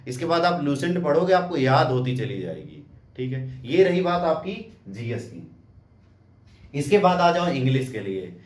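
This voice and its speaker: Male exam coach, casual direct delivery, raised pitch, echoey room. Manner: direct, repeats "ठीक" as a check-in, addresses viewer as brother. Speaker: exam prep teacher. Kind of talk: casual coaching talk showing books.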